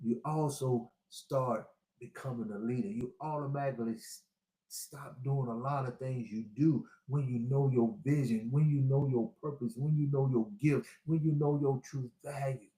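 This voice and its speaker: A man's voice: medium pitch, steady tone, moderate pace, dark tone, roomy sound. Sixty-year-old man preaching to viewers. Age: 60s. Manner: preachy, repetitive, direct address to viewers. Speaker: spiritual life coach. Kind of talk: motivational livestream talk.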